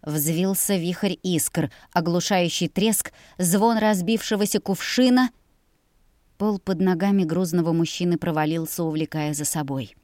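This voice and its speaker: A woman's voice: on the low side, fairly even intonation, a little slow, a little mellow, no echo, studio quality. Woman reading a dramatic fantasy audiobook. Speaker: audiobook narrator.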